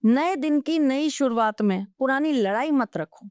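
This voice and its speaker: A woman speaks as a guest on a podcast, with a smooth, resonant voice that sits a little high. She gives earnest advice and tells stories from her own life. The room sound is dry and close. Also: unhurried, no room sound. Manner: animated storytelling, anecdotes from her own life; advising, earnest. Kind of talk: podcast interview.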